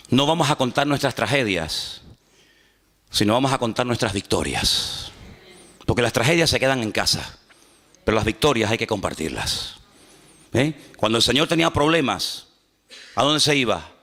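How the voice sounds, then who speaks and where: A man preaching a sermon as a pastor, animated and humorous, acting out little dialogues. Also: medium pitch. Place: church. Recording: church hall reverb.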